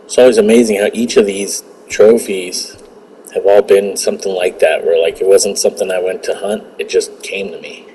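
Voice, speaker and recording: A man talks through a hunting game in a relaxed, rambling way, often restarting his words. His voice sits low and mellow, with a bit of game sound faintly behind him. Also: normal speed, a little hiss or hum, low-quality recording. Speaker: gaming channel host. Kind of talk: casual gameplay commentary.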